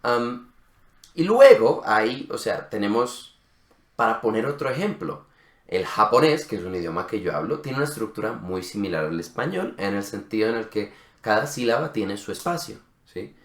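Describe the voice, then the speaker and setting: A man co-hosting a language lesson, explaining step by step in casual conversation and often checking in with a quick question. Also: lowish voice, sing-song. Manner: methodical, checks in with frequent "¿sí?". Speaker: co-host of a language channel. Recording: roomy echo.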